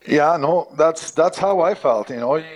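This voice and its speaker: A middle-aged man with a Czech accent, answering interview questions in a halting way with many fillers. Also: fairly high pitch, a little mellow. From Czech Republic. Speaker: former hockey player, guest.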